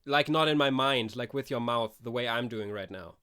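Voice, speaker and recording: Guy doing a tired lady agent in a suit, patient but fed up, stumbles over words, smooth clear voice. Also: medium pitch, normal speed, pushed and bright, lightly acted. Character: weary female government agent in a suit. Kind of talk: tabletop role-play dialogue.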